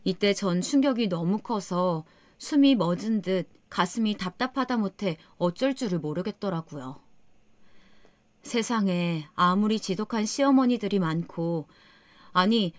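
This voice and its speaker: A woman's voice: medium pitch, lively intonation, measured pace, dry recording. A woman narrating her own story in the first person, earnest and emotional.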